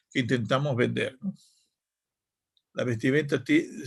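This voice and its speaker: Gravelly, husky male teacher. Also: medium pitch. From Santa Cruz, Bolivia. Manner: ends nearly every phrase with a questioning tag, frequent restarts. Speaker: sales management teacher. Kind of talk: class lecture.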